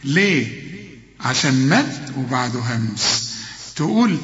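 A man with an Egyptian accent teaching Quran recitation, explaining rules step by step and chanting slow, drawn-out examples while quizzing his student. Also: fairly high pitch, animated, a bit bright. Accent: Egyptian Arabic. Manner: talks straight to the student, correcting and quizzing. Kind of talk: tajweed lesson. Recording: echoey hall, dull lo-fi sound.

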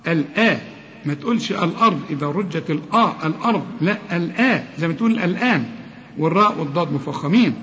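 Egyptian man, recitation teacher, high voice, dull lo-fi recording with long reverb. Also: slight background noise. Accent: Egyptian Arabic. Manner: corrects pronunciation, repeats sounds slowly, chants verses. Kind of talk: tajweed lesson with recited examples.

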